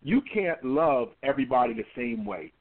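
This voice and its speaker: Over tinny phone-line audio, a pastor in his forties speaks in a conversational interview. His medium-pitched voice has lively intonation and a moderate pace, and he talks emphatically, often repeating words as he builds a point.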